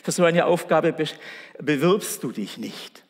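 Husky-voiced preacher in a reverberant hall. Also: male voice, fairly high pitch, animated, measured pace. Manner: earnest, storytelling, addresses congregation directly. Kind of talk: sermon.

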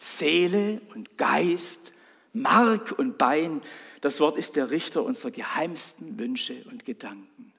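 A male preacher delivers a dramatic sermon, his speech slow and drawn out. His voice sits a little high with a husky edge. A long church reverb trails every phrase. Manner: dramatic, slow and emphatic with swells of loudness.

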